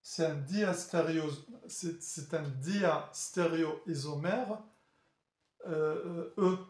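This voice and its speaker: A man teaching chemistry in a classroom lecture, talking haltingly with many fillers and restarts and often checking that the class follows. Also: on the high side, darkish tone. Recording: echoey room.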